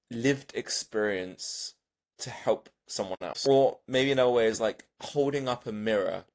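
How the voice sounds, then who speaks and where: A young man, a gym owner, giving a casual coaching lesson in an animated way, with swearing and quick restarts. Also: fairly low pitch.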